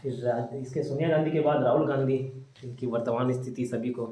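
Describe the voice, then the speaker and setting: A man's voice: medium pitch, steady tone, brisk, mellow. Chatty man teaching in an echoey room. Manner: chatty, storytelling, jokes with students. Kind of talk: casual classroom lecture.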